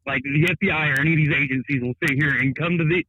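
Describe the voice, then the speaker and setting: A man's voice: on the high side, fairly even intonation, rapid-fire, bright, forceful tone, dry recording. A male caller heard over a phone line, rambling with lots of "like" fillers. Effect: heard through a phone line on the show's speaker. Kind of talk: call-in phone commentary. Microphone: Bluetooth phone headset. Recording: tinny dry phone line.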